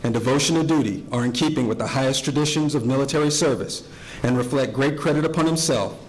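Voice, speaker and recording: An American man reads a formal military award citation aloud, crisp and measured, in set official phrases. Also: mid-range voice, low-quality recording. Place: formal ceremony before an audience.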